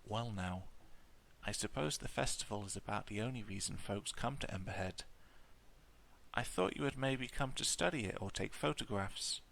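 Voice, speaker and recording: A man's voice: fairly low pitch, moderate pace, creaky, a bit bright, a little hiss or hum, poor audio. A man reading a chatty village landlady. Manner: homely, rambling talk. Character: chatty middle-aged village landlady, kindly and rambling.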